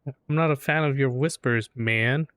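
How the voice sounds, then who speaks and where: Loud joking male streamer. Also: mid-range voice, moderate pace, smooth, dry recording. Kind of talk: casual game commentary. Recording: stream mic over game music.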